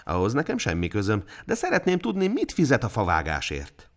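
Brief: man doing a shrewd storybook king, calm and quietly probing. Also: lowish voice.

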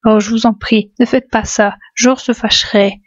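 A woman reading the part of a simple-minded, childlike farmhand, speaking slowly and earnestly in an audiobook. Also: on the high side, fairly even intonation, no echo, highs cut off, natural voice. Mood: pleading.

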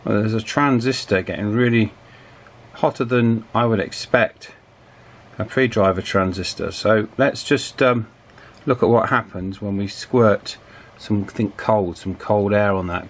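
Wind from a table fan is clearly heard as a man demonstrates a repair in a small indoor office workshop. His voice is on the low side and a little slow, and as a hobbyist electronics repair presenter he thinks aloud casually, with some hesitation.

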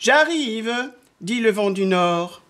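Slow, lively woman reading a story. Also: medium pitch. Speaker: reader of a children's book. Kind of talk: storybook read-aloud.

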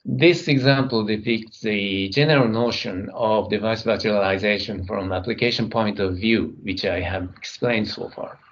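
Middle-aged guy presenting a tech keynote, lowish voice, kinda muffled webcam audio. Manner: measured, reading slides, some non-native grammar. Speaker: keynote speaker. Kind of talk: technical conference keynote.

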